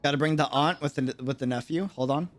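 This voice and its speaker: Fast and fairly high-pitched, an American man from the United States chats casually and reacts in slang while livestreaming a game. Soft music plays behind his commentary.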